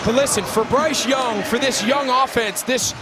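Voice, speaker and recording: High-voiced American male football analyst. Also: normal speed, loud music behind the voice. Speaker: colour commentator, football analyst. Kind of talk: live sports analysis commentary. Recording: TV broadcast over loud noisy stadium crowd. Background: loud stadium crowd.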